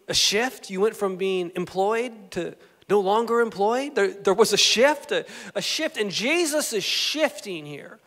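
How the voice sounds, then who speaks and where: A man, a pastor, giving an animated, playful, conversational sermon with asides to the congregation. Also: high-pitched, unhurried. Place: church sanctuary. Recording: long hall reverb in a church.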